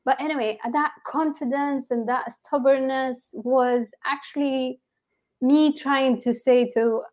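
A woman from Yemen speaks in a somewhat high voice as an interview guest. She tells her story with animation, restarting sentences and leaning on fillers. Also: steady tone, slow pace, a little mellow. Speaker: blogger and journalist, guest. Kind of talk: conversational interview.

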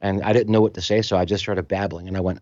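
A man telling a story in casual conversation, animated and acting out other people's voices, in a slightly muffled recording. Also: sits low, fast, no echo. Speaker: storytelling guest musician.

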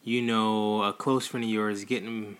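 A man's voice: on the low side, little pitch movement, a little slow, fairly bright tone, clean tone. A young man co-hosting a casual podcast, rambling through personal examples with lots of filler words. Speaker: podcast co-host. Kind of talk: casual conversation.

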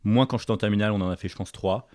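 Un jeune homme de Paris, invité d'un podcast, qui raconte son parcours sur un ton détendu, avec beaucoup d'hésitations et de reprises. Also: male voice, lowish voice, racing, no echo, studio quality. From Paris, France. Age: young adult. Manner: relaxed, full of fillers and restarts. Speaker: podcast guest, entrepreneur. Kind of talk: casual interview chat.

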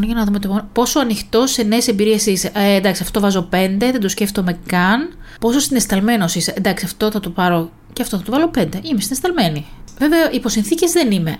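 A young woman hosting a casual solo podcast, chatty and self-mocking as she talks straight to the listener. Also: medium pitch. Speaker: podcast host.

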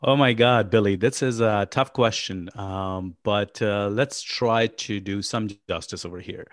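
A middle-aged Pakistani startup founder rambles through a casual podcast interview, full of ums and uhs. His voice is fairly low and measured, recorded with studio quality and no room sound.

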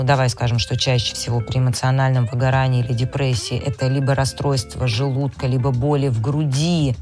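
A man co-hosting a podcast, explaining things in a conversational style. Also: mid-range voice. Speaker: podcast co-host.

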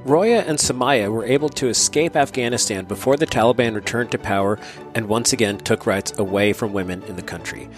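A man's voice: fairly low pitch, fairly quick, faint music behind. A man hosting a podcast interview, reading a scripted intro and then chatting with his guests, often restarting his words when he talks off the cuff. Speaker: podcast host.

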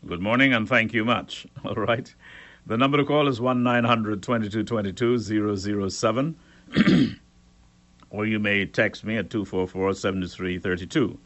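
A man hosts a call-in talk radio show. He speaks in a measured, unhurried way, often pausing on filler sounds before he reaches his point. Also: fairly low pitch, fairly bright tone, muffled recording. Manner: measured, hesitant with frequent uh fillers.

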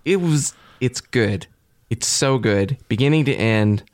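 A man co-hosting a podcast who talks with enthusiasm, often pausing to search for his words. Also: medium pitch, no echo, studio quality. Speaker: podcast co-host. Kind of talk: casual chat.

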